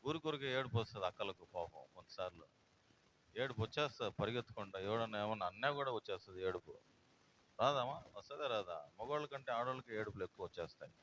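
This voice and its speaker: A male pastor preaches a sermon with feeling, moving between loud and soft and asking many rhetorical questions. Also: fairly low pitch, animated, quick pace, slight background noise, low-quality recording.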